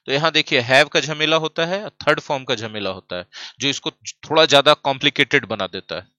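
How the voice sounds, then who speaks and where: Young male tutor, bright forceful voice, playful and teasing, quizzes the class. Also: mid-range voice, fairly quick, no echo, lo-fi sound. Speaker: English grammar teacher. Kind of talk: online class, joking with students. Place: classroom studio, standing at a desk.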